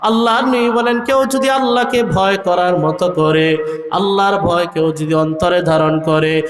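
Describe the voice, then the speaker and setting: A man preaching a sermon, calling out loud peaks and singing some phrases in a rhythmic delivery. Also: high-pitched, measured pace, reverberant, soft background music. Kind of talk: Bengali waz sermon.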